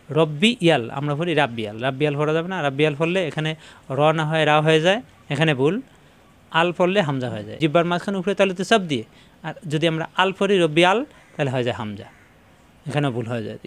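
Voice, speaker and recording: A middle-aged man gives a pronunciation lesson on recitation, breaking words into single syllables and repeating them. His voice is fairly high for a man and very smooth and clear. He talks at a patient, drilling pace. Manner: slow, drawn-out syllable-by-syllable drilling of sounds. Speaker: Quran recitation teacher.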